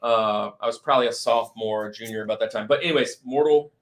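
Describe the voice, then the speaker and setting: A man with a mid-range voice talks fast while hosting a movie ranking podcast over a video call. He chats casually, using bro-style slang and repeating phrases for emphasis.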